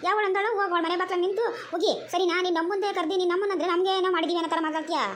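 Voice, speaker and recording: A woman voicing squeaky bickering cartoon neighbours. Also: fairly even intonation, racing. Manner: bickering back, defensive. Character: defensive neighbour women in a village cartoon. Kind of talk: cartoon comedy voice acting.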